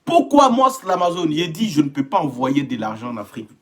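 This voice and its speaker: A man from West Africa streams live from his home, greeting his viewers by name in a casual monologue that becomes impassioned and emphatic. His fairly high voice is brisk and a bit bright, with big swings in pitch.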